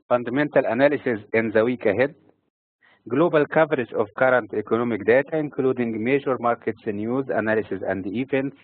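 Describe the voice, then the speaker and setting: A man from Egypt giving scripted financial market commentary in a steady, formal delivery. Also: mid-range voice, no room sound. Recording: tinny phone-like recording.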